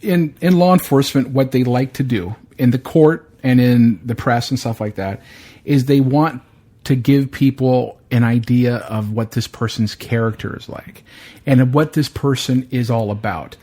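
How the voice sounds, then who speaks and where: A man's voice: mid-range voice, moderate pace, mellow. Blunt, opinionated man chatting on a podcast. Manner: blunt, opinionated, swears freely, many restarts. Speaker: podcast host. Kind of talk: casual chat.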